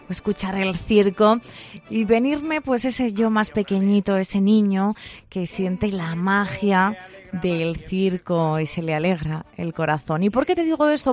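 Woman, radio host, chatty, asks leading questions. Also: medium pitch. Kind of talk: radio interview and presenting.

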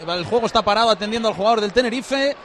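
A man's voice: sits high, very fast, a little hiss or hum. A man with an accent from Spain giving a live radio update from a football match. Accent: Spanish from Spain. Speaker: match reporter.

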